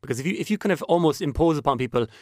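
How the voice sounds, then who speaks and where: A man's voice: a little high, lively intonation, racing, dark tone, no room sound, clean studio sound. A man with a west of Ireland accent from Kerry, talking reflectively in a panel discussion, often repeating words as he thinks. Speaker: panel guest.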